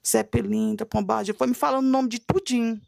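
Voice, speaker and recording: A woman's voice: on the high side, fairly even intonation, a little fast, creaky, darkish tone, no echo, clean studio sound. A woman tells a dramatic religious testimony, acting out her own cries for mercy as she goes. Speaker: guest telling a testimony.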